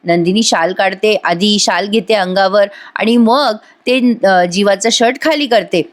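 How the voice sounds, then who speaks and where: A woman's voice: medium pitch, a little slow. A woman narrating a voice-over recap of a TV serial episode in a chatty storytelling manner, talking to her listeners.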